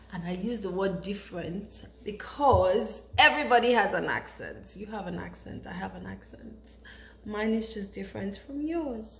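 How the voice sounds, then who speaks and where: There's a little hiss or hum behind this medium-pitched female voice. A young Nigerian vlogger with a British-influenced Nigerian English accent is talking casually to camera in her indoor home kitchen, chatty, animated, and gesturing with her hands. The camera rests close on the counter, and the room is echoey with faint ambience.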